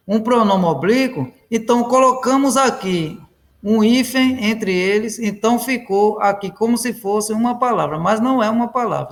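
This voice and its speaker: Guy teaching grammar online, kinda high voice, slow and steady, keeps asking ok?. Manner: keeps checking in with "ok?" and "pessoal"; repeats and rephrases each point slowly.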